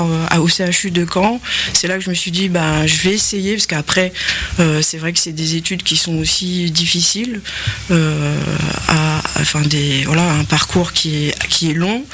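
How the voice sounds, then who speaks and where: A woman's voice: lowish voice, fairly even intonation, normal speed, a bit bright, slight background noise. A middle-aged woman from France, a university lecturer and researcher, answering interview questions in a hesitant way with many fillers and restarts.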